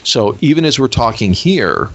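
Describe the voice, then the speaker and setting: A man with a Michigan accent chatting casually, then leading a hypnosis induction in a slower, deeper, soothing voice. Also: big pitch swings, a bit bright, slightly rough, low-quality recording. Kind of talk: hypnosis session over a call.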